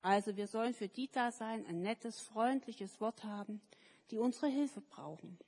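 A woman telling a story to children at a church service, lively and turning to ask them questions. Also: on the high side, moderate pace, husky. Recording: echoey hall.

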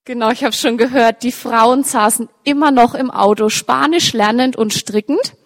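A woman telling a story with pictures to an audience, talking straight to her listeners in a lively way. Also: on the high side, normal speed. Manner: lively, direct address to listeners. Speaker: storyteller for children. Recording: long reverb, large hall.

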